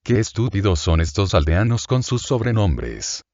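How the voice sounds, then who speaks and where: A man's voice: fairly low pitch, sing-song, moderate pace, a little mellow, dry recording, highs cut off. A man voicing a scheming middle-aged female innkeeper who whines and fawns over a rich guest, in an audiobook reading. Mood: lamenting. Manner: plaintive, wheedling, fawning.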